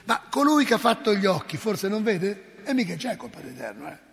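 A parish priest preaches a fervent sermon, scolding and joking by turns. His voice is gravelly and husky and sits fairly high for a man. It rings out with the long reverb of a church. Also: very animated, brisk, a bit bright. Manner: impassioned, scolding, folksy asides.

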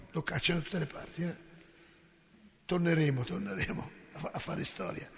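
A man preaching a sermon, impassioned and rhetorical, swinging between hushed asides and loud exclamations. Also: fairly high pitch, gravelly, big-room sound. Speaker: priest.

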